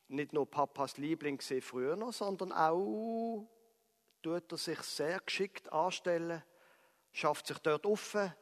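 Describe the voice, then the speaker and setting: A man with a Swiss German accent preaching, retelling a Bible story with lively dramatic emphasis. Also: on the high side. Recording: reverberant hall.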